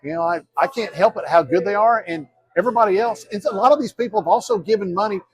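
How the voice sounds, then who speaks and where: A mayoral candidate in his fifties speaks fast in a high-pitched voice during a casual interview. He's earnest but rambling, frequently restarting and dropping in quoted asides.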